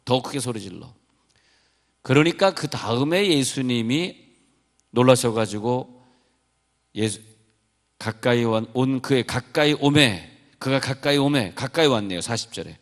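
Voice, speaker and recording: A man preaching a sermon as pastor, moving between quiet explanation and loud, emphatic exhortation. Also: medium pitch, expressive, a little slow. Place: church sanctuary. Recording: echoey church hall with long reverb.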